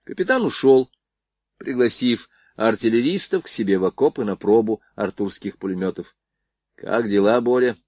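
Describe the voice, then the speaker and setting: A man narrating a novel as an audiobook, in a measured literary reading. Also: fairly low pitch, darkish tone, no room sound. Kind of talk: scripted narration.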